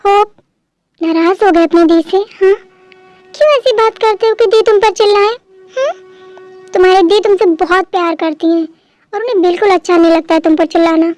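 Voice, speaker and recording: High-voiced dubber doing a stubborn proud elder sister. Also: female voice, fairly quick, a little mellow. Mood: firm. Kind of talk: fan dub drama.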